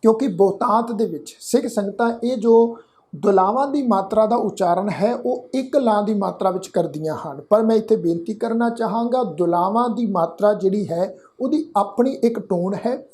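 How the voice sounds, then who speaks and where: A man from Punjab teaching how to pronounce scripture. He recites verses slowly and deliberately, then explains the spelling while addressing the congregation respectfully. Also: sits high, darkish tone. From Punjab, India.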